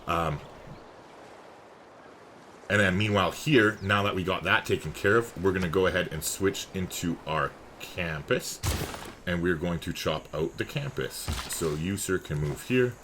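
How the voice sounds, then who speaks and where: A man's voice: low voice, measured pace, background noise. A man giving casual, enthusiastic strategy game commentary, chatty and swearing freely.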